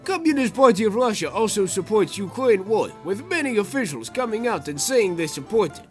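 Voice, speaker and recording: A teenage boy putting on a stern Russian presenter for a satirical school report, speaking in clipped, broken phrases that drop their articles. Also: high-pitched. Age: teens. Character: comically stern Russian man presenting politics. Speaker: student presenting a school project.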